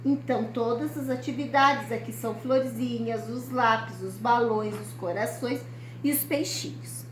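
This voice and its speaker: A woman teacher talks young pupils through their worksheet step by step. Her voice is high and her delivery slow and deliberate. The recording sounds roomy with faint background noise. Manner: slow, patient, explains step by step. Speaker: primary school teacher. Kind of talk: recorded remote lesson for young children. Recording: echoey room, faint ambient noise.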